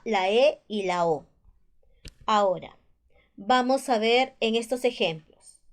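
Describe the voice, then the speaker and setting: A woman teacher with a Peruvian Spanish accent, patiently explaining spelling rules and repeating each one. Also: on the high side. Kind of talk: spelling lesson explained over slides.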